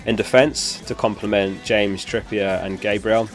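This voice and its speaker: In a fairly low voice with fairly even intonation, a young man speaks a little slowly while music plays faintly behind. The streamer host is getting over a lost voice, chatting casually and answering questions from chat on his live stream.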